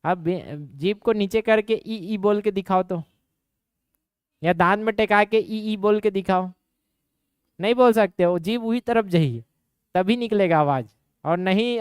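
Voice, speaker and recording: A young man from Chhattisgarh with a Chhattisgarhi accent, teaching an exam coaching class with a slight nasal ring. He keeps asking the class quick questions and answering them himself, and he slips into regional dialect now and then. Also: high voice, clear, resonant tone, no room sound, studio quality. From Chhattisgarh, India.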